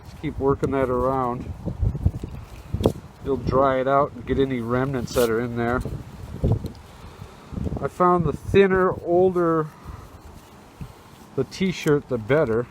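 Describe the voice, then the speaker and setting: The host of this rooftop how-to restoration speaks slowly with many pauses in a medium-pitched voice, explaining each step in a casual, easygoing way. His words come through a face mask, and the outdoor camera recording is noisy.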